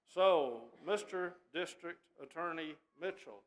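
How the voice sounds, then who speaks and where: A man's voice: on the high side, slow, low-quality recording. A man serving as judge, leading a graduation ceremony with hearty, joking announcements to a crowd in a large room. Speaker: judge presiding over a drug court graduation. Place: large room with an audience and a balcony.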